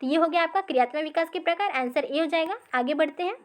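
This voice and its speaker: A woman with a high, light voice teaches an exam-practice lesson. She goes slowly, repeats every point, and checks in after nearly every line.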